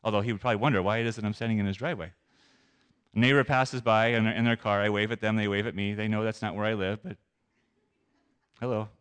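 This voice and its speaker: A man's voice: fairly low pitch, fairly even intonation, rapid-fire, fairly bright tone, clean tone. A man giving a personal testimony in a conversational, earnest and self-deprecating way.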